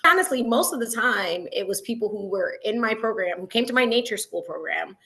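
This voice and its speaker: This is a school founder, a woman appearing as an interview guest via video call from her school building. Her mid-range voice is animated, fairly quick, creaky and sharp-toned, and her bubbly, casual talk is peppered with "like" and "you know what I mean."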